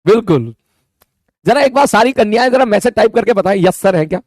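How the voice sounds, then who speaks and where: Playful high-pitched teacher. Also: male voice, expressive, darkish tone, dry recording, clean studio sound. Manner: playful teasing, repeats words in rapid runs; breaks into high mock voices when quoting students. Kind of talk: casual live online class banter.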